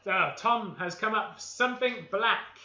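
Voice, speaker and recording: A young Welsh man with a high-sitting voice and a sharp tone hosts a kids' baking livestream from his home kitchen, speaking at a measured pace. Upbeat, playful and encouraging, he leads the session with a game of I Spy. The stream audio is dull, lo-fi and echoey.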